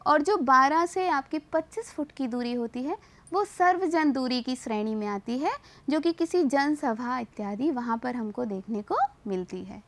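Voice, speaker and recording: High-voiced woman teacher lecturing. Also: expressive, unhurried. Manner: explanatory, mixes in English terms, frequent restarts. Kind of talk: classroom lecture.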